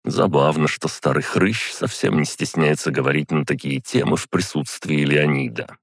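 Deep-voiced male narrator; even, deadpan first-person reading, dry booth sound. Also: normal speed, no room sound. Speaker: audiobook narrator. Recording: dry close studio sound.

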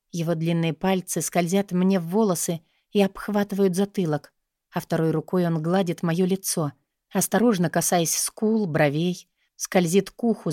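A woman's voice: lowish voice, darkish tone, no room sound, studio quality. A woman reading scripted first-person romance fiction as an audiobook narrator, in an intimate, sensual way.

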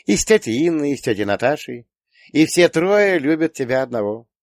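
A man doing a sharp-tongued teenage daughter. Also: on the high side, big pitch swings, no room sound, clean studio sound, pitched above the performer's own voice. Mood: musing. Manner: bossy, teasing, quick retorts. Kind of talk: audiobook character voice.

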